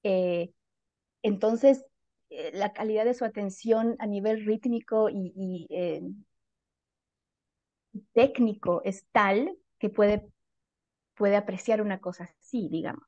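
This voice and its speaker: Woman writer, reflective interview guest, warm dry voice, self-correcting. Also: mid-range voice, slow, pauses often, no echo, lo-fi sound. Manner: thoughtful, animated, frequent fillers and self-corrections. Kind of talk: casual conversational interview.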